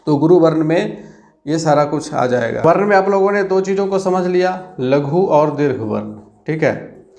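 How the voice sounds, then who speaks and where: A man's voice: a little high, lively intonation, moderate pace, a little mellow. A man teaching an exam-prep grammar lesson, counting syllables aloud and checking in with "theek hai" after each point.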